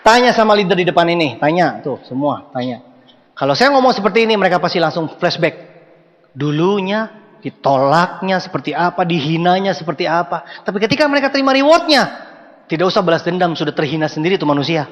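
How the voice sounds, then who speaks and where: A man giving a motivational seminar talk to a live audience, animated and joking, speaking to them directly. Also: sits high, fast. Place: large hall with audience. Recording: long hall reverb.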